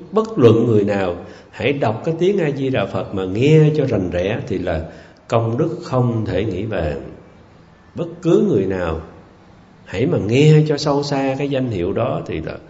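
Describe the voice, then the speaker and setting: A man's voice: lowish voice, mellow. A man giving an earnest, emphatic Buddhist dharma talk, often repeating words as he explains. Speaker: Buddhist teacher. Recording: roomy, dull lo-fi sound with faint music.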